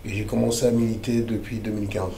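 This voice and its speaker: A man in his thirties from the Democratic Republic of the Congo talks in a casual, emphatic way with street slang. His voice is low and dark. The room around him is echoey. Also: level tone, quick pace, gravelly, a little hiss or hum. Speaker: interview guest, activist. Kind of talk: casual conversational interview.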